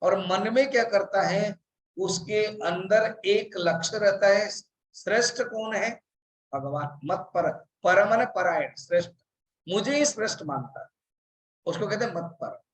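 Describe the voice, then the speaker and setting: A man, a monk, giving a scripture discourse and slowly reciting verses before explaining them. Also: high voice, poor audio. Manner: slow, deliberate explanation with drawn-out recited verses. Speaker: monk teacher.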